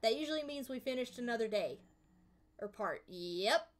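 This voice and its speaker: A woman's voice: on the high side, expressive, normal speed. A woman streamer chatting casually and thinking aloud as she plays a video game, often poking fun at her own skill. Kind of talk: casual gameplay commentary.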